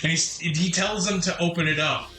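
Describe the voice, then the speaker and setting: A man's voice: fairly high pitch, fairly even intonation, normal speed, pushed and bright, faint music behind. A man playing in a tabletop game, chatting and joking casually. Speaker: player. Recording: echoey room.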